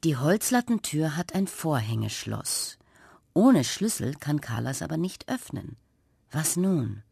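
A woman narrating a children's radio story, with a gentle, expressive way of telling it. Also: sits low, a little slow, gravelly, husky, no echo, studio quality.

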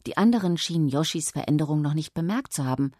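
A woman narrating a children's audiobook in the first person, calm and clear, close to the mic. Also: low-pitched, fast talker, dry recording.

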